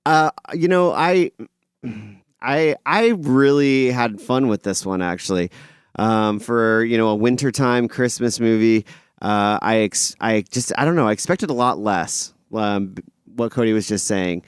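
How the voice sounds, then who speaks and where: A man's voice: mid-range voice, unhurried, clean tone, no echo, clean studio sound. A man co-hosting a film podcast, easygoing and rambling as he gives his opinion. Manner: easygoing, rambling, hesitant with fillers. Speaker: podcast co-host. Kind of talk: casual film review chat.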